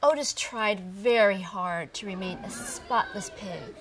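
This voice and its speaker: A woman with a medium-pitched voice reads a children's picture book aloud, telling the story deliberately and expressively. She sits far from the microphone, with crowd noise in the background.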